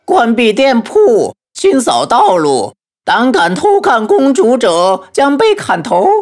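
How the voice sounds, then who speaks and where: Woman as royal herald, stern, very slow proclamation, hugely swinging pitch, children's story. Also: huge pitch swings, darkish tone, full character voice. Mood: stern, proclaiming. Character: stern royal town crier. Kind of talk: acted children's audio story.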